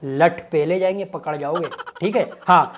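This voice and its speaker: In his 20s, this YouTube tech host has a voice on the high side and talks at normal speed, with slight background noise. He gives a casual app review to camera from a small home studio room with a desk, throwing in joking, colloquial asides. He's recorded on a lapel mic.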